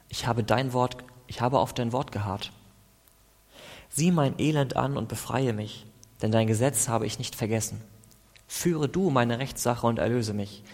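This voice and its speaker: This is a devotional Bible reading: a preacher, mid-pitched, works through psalm verses slowly and calmly. He breaks in between them to explain things casually, and the sound has the lengthy reverb of a large hall.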